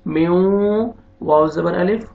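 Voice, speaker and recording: A man leads a beginners' Quran reading lesson at a deliberately slow pace, sounding out each letter and vowel mark in turn. Between the drills he drops into quicker, softer asides on the rules. The recording sounds dull and lo-fi, like online class audio. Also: fairly high pitch, fairly even intonation, creaky. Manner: spells letters and vowels slowly, then explains rules in quicker, quieter asides. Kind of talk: slow spelled-out recitation lesson.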